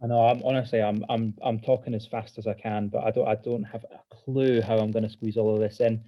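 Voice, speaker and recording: A man's voice: on the low side, little pitch movement, a little fast, lo-fi sound. A man hosting a live fan podcast in a chatty, self-deprecating way. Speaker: podcast host.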